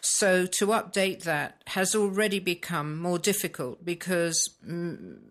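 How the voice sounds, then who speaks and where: A British woman living in Spain, talking through a current issue in casual conversation, pausing often with ums as she searches for words. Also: on the low side. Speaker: expat blogger discussing Brexit.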